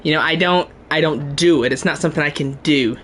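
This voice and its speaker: A man's voice: on the high side, a little fast, a bit bright, a little hiss or hum. A young man from the American South chatting casually with his stream while playing a game, joking around as he talks. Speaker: gaming streamer. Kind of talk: casual gameplay commentary.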